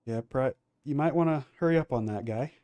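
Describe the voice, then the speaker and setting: A man's voice: mid-range voice, brisk, warm tone. A man giving casual, rambling commentary on his gameplay, full of fillers and restarts. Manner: rambling, filler-heavy, self-correcting. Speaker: let's play gamer.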